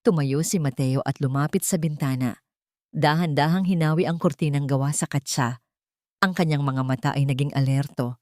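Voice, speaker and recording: With a steady, measured delivery, a woman tells a dramatic story in a low and grounded voice. The sound is dry and close, with no trace of the room.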